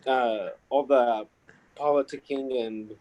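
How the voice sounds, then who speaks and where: Halting man. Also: mid-range voice, steady tone, muffled recording. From Kuwait. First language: Arabic. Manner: halting, explanatory. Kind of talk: casual chat.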